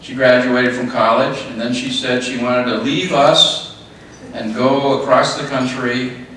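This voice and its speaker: A middle-aged man giving a father-of-the-bride wedding speech in a halting way, repeating phrases and speaking in short sentences. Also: mid-range voice, steady tone, a bit bright. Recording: echoey, noisy room, distant mic.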